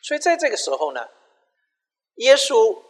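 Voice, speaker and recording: A pastor preaches in an animated voice, rising and falling a lot as he retells the story. He mixes English phrases into his sermon, and his words carry a long hall reverb. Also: very high-pitched, normal speed. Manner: retells scripture with quoted dialogue, mixing in English phrases.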